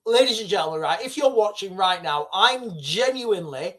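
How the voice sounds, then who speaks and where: Talking at a moderate clip in a high voice, a middle-aged livestream host runs an informal news show. He's excitable, speaks directly to his audience, and rambles with frequent restarts and side comments.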